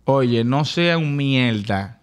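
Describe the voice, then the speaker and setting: A man's voice: medium pitch, lively intonation, slow, clean tone. A man with a Dominican accent, a podcast guest in casual banter, teasing and blunt with plenty of swearing.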